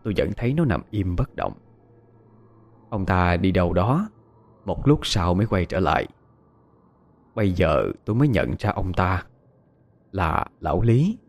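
A man narrating a ghost story in a dramatic, expressive storytelling manner. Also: sits low, measured pace, long pauses. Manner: dramatic, expressive, panicked cries in character.

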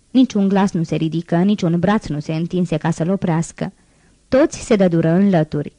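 A woman narrating a classic novel in an audiobook, reading in a measured, even way. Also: fairly low pitch, no room sound. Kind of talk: scripted narration.

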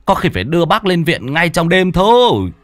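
A man's voice: on the high side, sing-song, moderate pace, fairly bright tone, dry recording, studio quality, pitched above the performer's own voice. A man doing a foul-mouthed lame villager. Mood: flustered. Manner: stammering, cursing.

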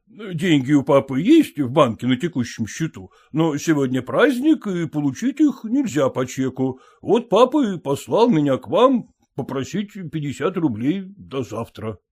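A ceremonious, polite gentleman caller, put on by a male narrator, choosing his words with formal courtesy. The voice sits fairly high and moves expressively. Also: sing-song, moderate pace, husky.

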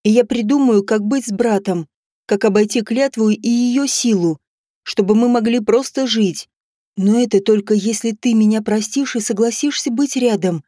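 A woman voicing a jealous, brooding young husband, speaking low and slowly with heavy breathing. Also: dark tone, no room sound, studio quality, close to an everyday voice. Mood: vehement.

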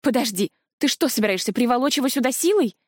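A woman's voice: fairly high pitch, expressive, quick pace, dry recording. Brief: woman reader as an earnest, stubborn young heroine, close dry read, near her own voice.

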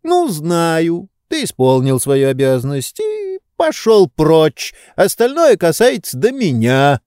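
A man acting out a hoarse, sleepy gentleman who grumbles and flares up in peevish bursts. The pitch swings widely and the tone stays mellow. It sounds dry and close to the mic. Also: wildly swooping pitch, slow pace, no room sound, heavily acted. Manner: drowsy, peevish, flaring up. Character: sleepy irritable idle male gentleman. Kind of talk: audiobook character voice.

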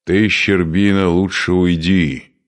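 A man voicing a gruff male warband leader who growls short, curt replies. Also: low-pitched, steady tone, slow pace.

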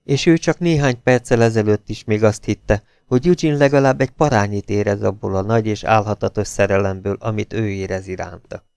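A man reading a novel aloud as an audiobook narrator, in a steady, measured way. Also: fairly low pitch, gravelly, smooth, no room sound, studio quality.

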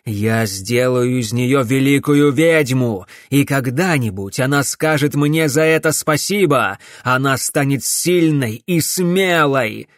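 A man's voice: medium pitch, slow, few pauses, no echo, studio quality, lightly acted. A man voicing a ruthless fire-mage baron who speaks in harsh, commanding declarations. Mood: domineering. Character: ruthless fire-mage baron, a middle-aged father, hard and domineering.

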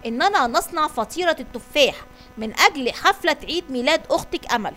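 A woman's voice: sits high, expressive, quick pace, a bit bright, faint music behind. A woman reading as a tender storybook mother. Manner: tender and wise. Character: kind patient mother.

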